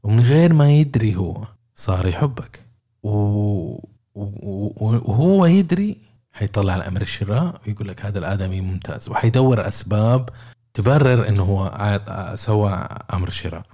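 A man's voice: on the low side, lively intonation, moderate pace, mellow. A man with a Saudi accent giving an informal sales training talk, explaining with made-up example dialogues.

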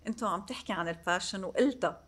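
A woman's voice: medium pitch, very fast, fairly bright tone. A woman with a Lebanese Arabic accent, interviewing in a conversational style with foreign loanwords mixed in.

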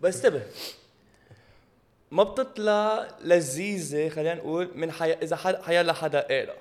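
A man's voice: fairly high pitch, brisk. A man with a Lebanese Arabic accent chatting casually with a friend, slipping English phrases into his speech. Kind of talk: casual bantering chat with a friend.

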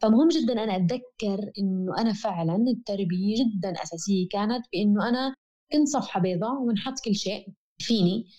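A woman's voice: medium pitch, fast talker, warm tone, lo-fi sound. A woman with a Levantine Arabic accent speaking as an interview guest, explaining reflectively in an earnest, emphatic way and repeating key phrases.

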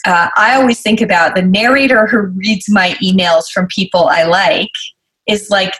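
A woman's voice: medium pitch, moderate pace, a bit bright, poor audio. A woman guest in an interview, explaining conflict at work in an articulate, conversational way and acting out quoted emails.

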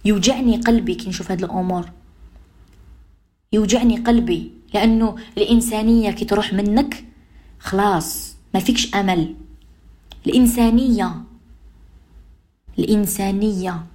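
A woman's voice: medium pitch, moderate pace, pauses often, dark tone. A woman radio host with an Algerian Arabic accent giving an emphatic, repetitive, admonishing advice monologue. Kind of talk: advice monologue on social behavior.

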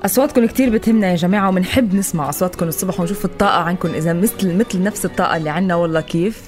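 A woman's voice: lowish voice, rapid-fire, over loud music. A woman co-hosting a morning radio show, bubbly and enthusiastic. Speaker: radio co-host. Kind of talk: casual radio banter. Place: radio studio.

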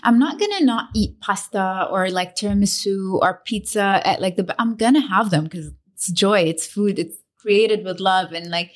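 A young woman from Lebanon, chatting as a guest on a podcast about fitness and food. She talks quickly and loosely, mixing in bits of Arabic and filling her speech with "like" and "you know." Her voice sits at an ordinary middle pitch for a woman. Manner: lively, mixes English with Arabic, many "like" and "you know" fillers. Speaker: guest, fitness trainer and dietitian. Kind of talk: casual podcast interview.

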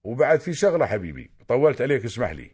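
A man's voice: medium pitch, sing-song, racing, a little mellow, slightly rough. A man with an Emirati accent calling in to a radio show, giving insistent, lecturing advice and repeating his points. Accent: Emirati Arabic. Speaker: caller.

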